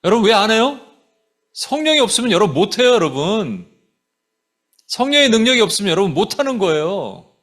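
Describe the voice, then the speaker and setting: A man preaching a sermon as a pastor, animated, dropping English phrases into his talk. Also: sits high, a little fast, pauses often. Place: church sanctuary.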